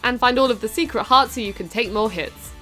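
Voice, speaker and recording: A woman's voice: fairly high pitch, a little fast, music in the background. A young British woman doing a bubbly, jokey review of a video game, with playful squeals and sing-song asides. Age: young adult. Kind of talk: upbeat comedic game review.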